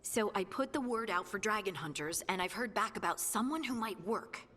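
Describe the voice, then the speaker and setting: A woman's voice: medium pitch, expressive, normal speed, a bit bright, lightly acted. A woman playing a practical, friendly scout in a fantasy video game. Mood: matter-of-fact. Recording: long echoing reverb, music behind.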